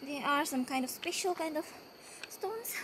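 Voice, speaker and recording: Her voice high-pitched and animated at a normal speed, a young travel vlogger chats to a close-held camera while hiking up a forest mountain trail. She's worn out, sweating and breathless, cheering herself on against a noisy background.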